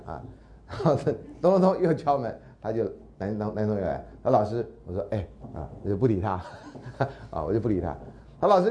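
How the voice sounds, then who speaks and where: A middle-aged man lecturing and telling a story, acting out the people he quotes with lively shifts in his voice. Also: highs cut off. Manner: animated, acts out quoted voices with jumps in pitch. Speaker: university lecturer. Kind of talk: lecture storytelling with acted dialogue. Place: lecture hall.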